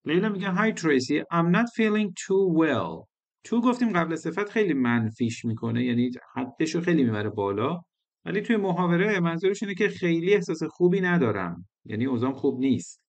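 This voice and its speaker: A man's voice: on the high side, sing-song, a little mellow. A male English teacher explaining a lesson patiently, repeating phrases and switching between languages.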